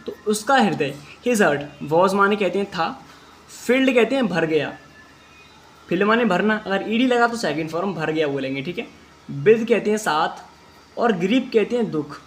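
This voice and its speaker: A man teaching an English class, reading English sentences slowly word by word and then explaining each word step by step. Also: high-pitched, a bit bright. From India. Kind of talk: classroom translation lesson.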